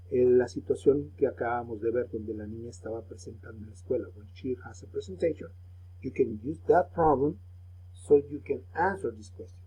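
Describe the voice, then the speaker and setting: Very husky, mellow teacher. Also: male voice, mid-range voice. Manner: patient, explains step by step and repeats phrases for pupils to echo. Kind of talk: recorded remote lesson.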